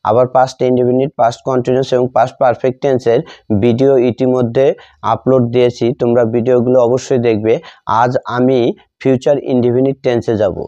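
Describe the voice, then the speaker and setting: A native Bengali-speaking man teaches grammar step by step, dictating deliberately term by term with repetition. His mid-range voice is warm, with a flat delivery, and the sound is lo-fi.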